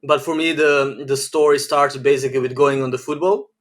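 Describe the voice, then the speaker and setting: Young Serbian man, flat rambling speech. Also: medium pitch, a little fast. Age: 20s. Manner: rambling, many "like" fillers, flat delivery. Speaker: guest. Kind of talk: casual interview chat.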